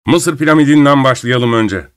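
A man voicing a brisk middle-aged male animal trainer who calls out commands to his animals in an audiobook. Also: medium pitch, clean tone, close to an everyday voice. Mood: commanding. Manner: loud, calling out commands. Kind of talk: audiobook character voice.

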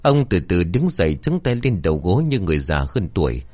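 Man, horror story narrator, suspenseful, very low voice, dry close recording. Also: sing-song, fairly quick, darkish tone, no echo. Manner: dramatic, suspenseful.

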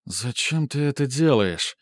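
A man reading an audiobook, voicing a wary, prickly young woman raider in a raised pitch. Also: expressive, measured pace, dry recording, studio quality, close to an everyday voice. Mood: uneasy.

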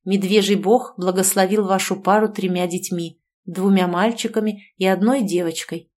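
Solemn male councilor for a storybook rite, done by a woman narrator; formal, loud and ceremonial. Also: mid-range voice, steady tone, moderate pace, close to an everyday voice.

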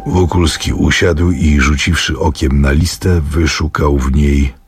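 A man narrating a novel in a measured, expressive way for radio. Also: very deep voice. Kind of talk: literary radio reading. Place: radio studio. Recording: radio reading with clear music behind.

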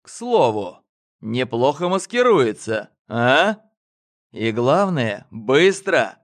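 A man voicing a shrewd, calm elder male telepath in an audiobook. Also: mid-range voice, slow. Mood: measured, commanding. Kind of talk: audiobook character voice.

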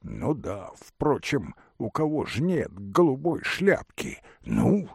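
A man's voice: medium pitch, wildly swooping pitch, slow, vocal fry, husky, no room sound, studio quality, voice pushed up, full character voice. A man reading an audiobook, voicing a forgetful, doddering old husband who rambles in a singsong way and keeps losing his thread. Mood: rambling. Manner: rambling, singsong, easily sidetracked. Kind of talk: audiobook character voice.

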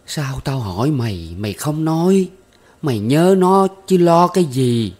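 A man's voice: fairly high pitch, very animated, unhurried, darkish tone, pitched above the performer's own voice. A man voicing a furious old mother who scolds her son harshly. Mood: scolding.

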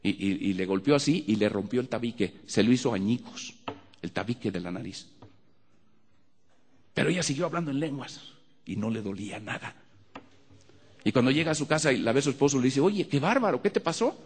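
A man's voice: mid-range voice, expressive, a little fast, pauses often, slightly rough, big-room sound. A man with a Mexican accent preaching a fervent sermon as a pastor in a church, repeating phrases of praise.

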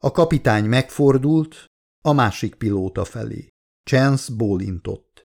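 A man narrates his own book as an audiobook, with a voice of middling pitch. His telling is steady and dramatic. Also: vocal fry. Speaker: author reading own book.

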